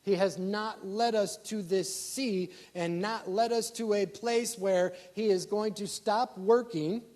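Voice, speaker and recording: A pastor preaching a sermon, asking the congregation rhetorical questions and swinging from loud emphasis down to quiet asides. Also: male voice, high voice, steady tone, slow.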